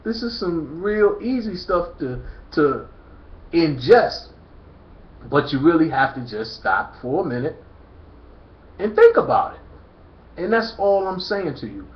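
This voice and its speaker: A man's voice: a little high, sing-song, measured pace, long pauses. A man lecturing emphatically in a preachy monologue, hammering the same rhetorical questions again and again. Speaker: commentator. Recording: echoey, dull lo-fi recording.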